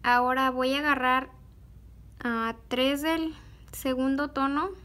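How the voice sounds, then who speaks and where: A young woman with a high voice walks viewers through a beading project step by step. She talks slowly and patiently, pausing on fillers while her hands work. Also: steady tone, sharp tone. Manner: slow, patient, with many fillers like "este". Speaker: beadwork tutorial host. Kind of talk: step-by-step craft tutorial.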